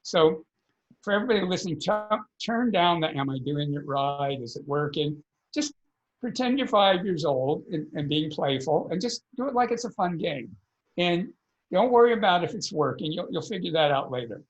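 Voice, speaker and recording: Guy on a podcast explaining stuff earnestly, bit high voice, dull lo-fi sound. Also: lively intonation, normal speed. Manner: earnest, explanatory, repeats words as he thinks. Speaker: podcast guest, energy work teacher. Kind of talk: conversational interview explanation.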